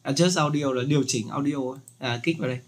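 A man hosting a casual screen-recorded software tutorial, chatty and joking as he explains. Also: medium pitch, fast talker.

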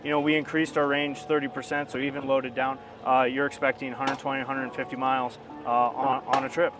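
Outdoors at a bustling expo, a man in his thirties representing his company talks informally about a product, speaking fairly quickly in a mid-range voice with little pitch movement. A wireless clip-on mic records him amid background noise.

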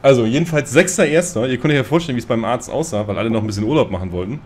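A man tells a long story in casual voice chat and pokes fun at himself with plenty of fillers. His pitch sits mid-range. A faint hiss runs under the line. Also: expressive, rapid-fire, darkish tone. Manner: rambling, self-mocking, laughs at himself. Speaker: gamer on a multiplayer voice chat.

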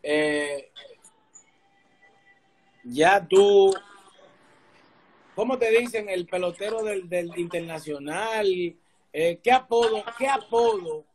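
A middle-aged interviewer and show host with a Dominican accent runs a casual, slang-filled sports interview over a video call from an indoor room, his device at arm's length. He speaks in a high-pitched voice, slowly, with long pauses.

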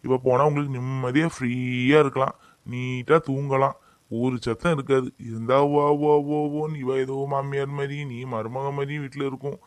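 A man's voice: medium pitch, little pitch movement, normal speed, no room sound, close to an everyday voice. A man voicing a joking but caring young brother, talking in a light, teasing way.

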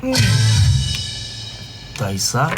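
A young man from Thailand chatting casually and playfully on a live stream as host. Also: loud music behind the voice. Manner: switches between Thai and halting Chinese, playful. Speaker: livestream host.

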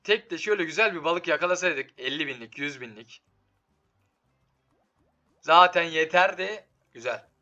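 A man's voice: on the high side, moderate pace, pauses often, sharp tone, dull audio. A man doing casual, slangy live commentary on a slot game, swearing and talking to it, his voice giving out from being a bit sick. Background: game music.

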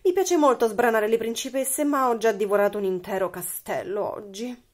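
A woman's voice: on the high side, moderate pace, lightly acted. Woman putting on a brusque busy dragon. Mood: dismissive. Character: bored greedy male dragon. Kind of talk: storybook reading aloud.

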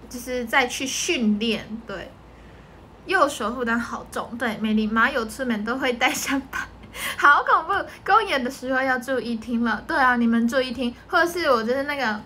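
Bright high-voiced Taiwanese young woman. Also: slight background noise. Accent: Taiwanese Mandarin. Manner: chatty, answers viewer comments, mimics clicking sounds, laughs often. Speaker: idol group member livestreaming. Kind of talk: casual livestream chat.

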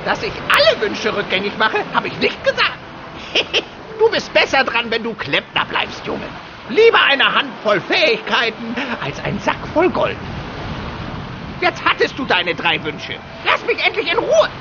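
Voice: medium pitch, huge pitch swings, measured pace, lo-fi sound. An actor playing a small, cranky, mischievous male leprechaun in a video game, scolding theatrically. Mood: smug, impatient. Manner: scolding, theatrical, full of quaint insults. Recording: clear background ambience noise.

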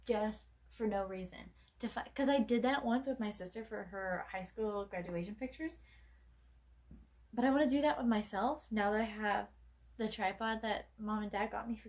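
A woman's voice: medium pitch, a little mellow. Woman in her twenties, late-night chatty vlogger, wandering and self-deprecating. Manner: rambling, self-mocking, many fillers. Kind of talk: casual late-night chat vlog.

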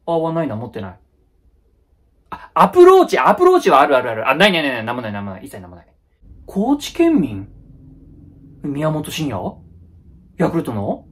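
Husky man with wildly swinging pitch. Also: huge pitch swings. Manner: quick blunt retorts, rough casual speech. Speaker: comedy YouTuber. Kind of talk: comedic solo skit.

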